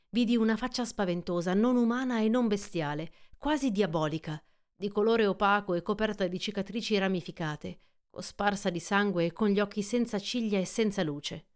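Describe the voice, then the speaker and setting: A woman reading a classic adventure novel aloud as an audiobook, in an even, measured storytelling manner. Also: mid-range voice, clean tone. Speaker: audiobook reader. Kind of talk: scripted literary narration.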